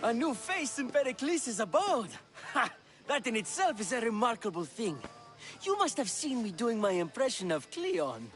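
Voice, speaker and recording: A man's voice: very high voice, big pitch swings, normal speed, fairly bright tone, faint music behind, full character voice. An actor playing a teasing, theatrical male comic playwright in a video game. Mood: playful. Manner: teasing, theatrical, loves his own jokes. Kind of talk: video game character dialogue.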